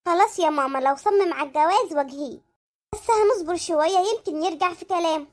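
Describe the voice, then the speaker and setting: A very high sped-up voice playing a clever young son in a comic cartoon, with an Egyptian accent and a reassuring manner. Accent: Egyptian Arabic. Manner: reassuring, quick.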